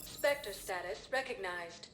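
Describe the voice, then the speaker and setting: A woman voicing a calm female computer that gives automated announcements in an even, polite, measured way. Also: medium pitch. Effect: automated public-address announcement. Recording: echoey announcement with game music behind.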